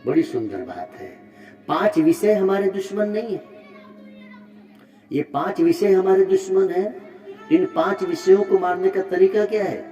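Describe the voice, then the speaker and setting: His voice sits high with lively intonation as he preaches unhurriedly, pausing often. The devotional sermon retells a religious story and appeals to mothers, swinging between loud exhortation and soft asides, all picked up by a muffled distant mic with music.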